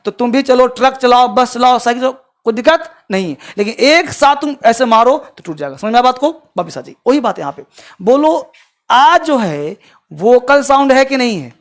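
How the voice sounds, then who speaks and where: A male teacher lecturing to a room of students, firing quick check-in questions at them. His delivery is animated, swinging from loud, punchy emphasis to low murmured asides. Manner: addresses students with frequent quizzing questions. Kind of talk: classroom lecture. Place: classroom.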